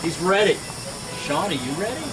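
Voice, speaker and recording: A man's voice: high-pitched, sing-song, normal speed, music in the background. A man hosting live with casual, chatty banter, often repeating short phrases. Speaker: host. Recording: very noisy outdoor setting with hiss.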